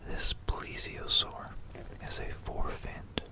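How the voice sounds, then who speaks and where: Taking it slowly, an ASMR host narrates history in a breathy, unvoiced whisper that still sounds bright and forceful. Positioned close to a binaural microphone, the host meanders and drops playful asides to the listener.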